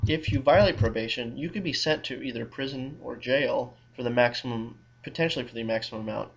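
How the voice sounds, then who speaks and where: A man's voice: mid-range voice, brisk, vocal fry, highs cut off. A man who works as a criminal defense lawyer co-hosting a casual legal advice podcast, explaining things in a wry, thinking-aloud way with frequent restarts.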